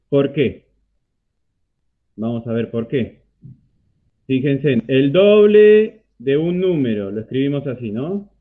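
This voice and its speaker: Argentine man teaching math over a tinny call. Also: fairly high pitch. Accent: Argentine Spanish. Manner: checks in often with rising "¿sí?". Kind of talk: online class explanation. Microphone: computer mic on a video call. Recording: tinny phone-like video call audio.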